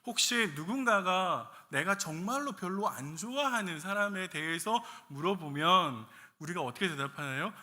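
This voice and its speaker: A man's voice: sits high, pushed and bright. A male pastor from the Gyeongsang region preaching a sermon, putting rhetorical questions to his congregation. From Gyeongsang region, Korea. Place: church sanctuary. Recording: echoey church hall.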